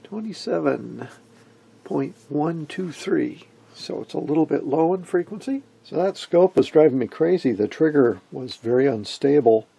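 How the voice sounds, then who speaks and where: With a fairly high-pitched but heavily creaky, husky voice, a man presents electronics from an indoor workbench, unhurriedly explaining each step of his informal demonstration. His dark, relaxed tone gives him the air of a folksy hobbyist.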